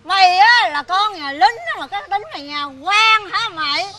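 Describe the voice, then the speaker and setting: A woman playing a furious mother, shouting insults and threats at her son. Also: very high voice, expressive, moderate pace, heavy background noise. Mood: scolding. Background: music.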